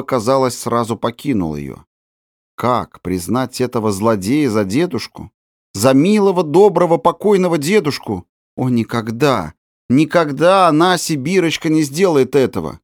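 A man reading a story aloud as audiobook narrator, expressive and acting out the tension of the scenes. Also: mid-range voice, no echo, studio quality. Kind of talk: scripted narration.

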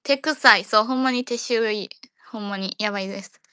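A woman's voice: medium pitch, brisk, pushed and bright, clear, resonant tone, no room sound. A woman with a Kansai accent hosting a casual audio chat room, joking around and rambling playfully. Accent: Kansai Japanese.

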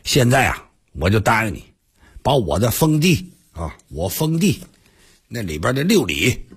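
A man's voice: medium pitch, big pitch swings, measured pace, slightly rough, full character voice. A man doing a sly scheming minister. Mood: coaxing. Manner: coaxing and mocking.

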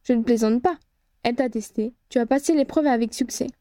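A woman's voice: a little high, brisk, warm tone, dry recording, studio quality, lightly acted. A woman voicing a wry, teasing male wizard partner in a storybook reading, speaking dryly.

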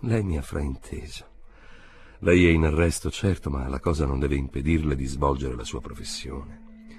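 A man reading an audiobook voices a police inspector, speaking in a calm, low and measured way. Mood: patient. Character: cool, detached male police inspector.

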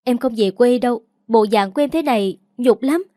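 A woman's voice: a little high, a little fast, mellow, dry recording, studio quality, lightly acted. A woman voicing a desperate younger sister who begs in a whiny, pleading way. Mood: begging. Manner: begging, whiny.

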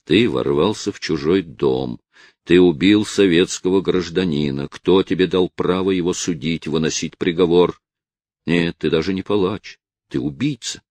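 A man voicing a stern, weary male police officer who speaks quietly and firmly. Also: low voice, moderate pace, no echo.

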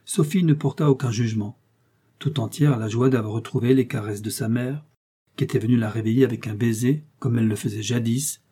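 Man, audiobook narration, very dark voice, husky, calm measured reading. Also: medium pitch. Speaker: audiobook reader. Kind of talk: scripted narration.

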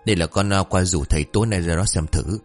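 A man's voice: low-pitched, quick pace, faint music behind, close to an everyday voice. A man doing a whiny young villager. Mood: eager. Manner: raised, whiny and excitable. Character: cheeky young male villager, talkative.

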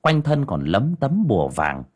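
A man's voice: mid-range voice, wildly swooping pitch, unhurried, a little mellow, husky. A man narrating an audio story with dramatic expression.

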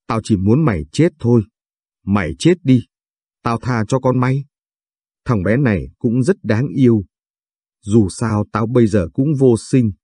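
A man's voice: medium pitch, a little slow, pauses often, dark tone, slightly rough, no echo, clean studio sound. A man reading the lines of a jealous young woman who holds a child hostage, speaking harshly and with contempt. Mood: cruel. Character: scheming jealous young woman kidnapper, cruel and bitter.

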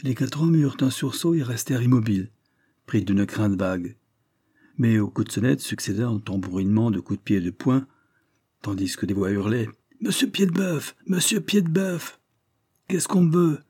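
A man narrating a classic novel as an audiobook in a measured, even storytelling voice. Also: fairly low pitch, slightly rough. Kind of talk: scripted narration.

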